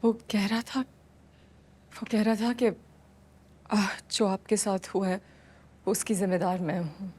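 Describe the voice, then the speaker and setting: An actress playing a fragile young wife who speaks in halting, soft, pleading phrases in a TV drama. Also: female voice, medium pitch, a little hiss or hum, natural voice. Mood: nervous. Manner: halting, soft, repeats his name. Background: drama background score.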